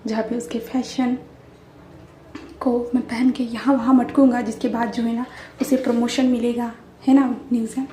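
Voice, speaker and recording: Impatient young man as read by a woman, snappy retorts, mellow tone, slightly high. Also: little pitch movement, moderate pace, slight background noise, close to an everyday voice. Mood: insistent. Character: brusque young man, bossy and easily annoyed. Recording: echoey room.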